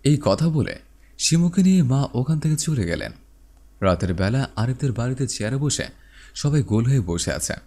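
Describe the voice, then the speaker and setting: A man's voice: sing-song, moderate pace, mellow. A man narrating a dramatized story and giving each character a voice of its own. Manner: voices every character with shifts in pitch.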